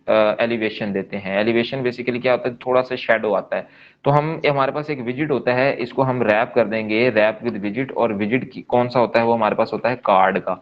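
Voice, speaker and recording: A man's voice: mid-range voice, dull audio. A man giving a step-by-step screen-share coding lesson, checking in often with his listeners. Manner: explains step by step, checks in often with "theek hai?". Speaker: programming instructor.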